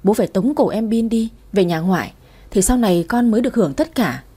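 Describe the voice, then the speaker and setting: A woman's voice: mid-range voice, animated, a little fast, mellow, slightly rough. Woman voicing a curt, cold young father. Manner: curt and scolding. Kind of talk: storybook reading.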